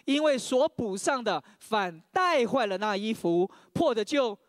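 High-voiced preaching man, dry mic. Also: expressive, measured pace, no echo. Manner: stammers, repeating single words; leads the congregation in reading scripture aloud. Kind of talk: sermon with personal testimony.

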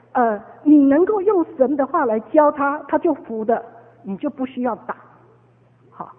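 A woman's voice: high voice, slightly rough. A woman preaching a sermon, telling a story with many fillers and repeated words. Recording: tinny phone-like echoey hall.

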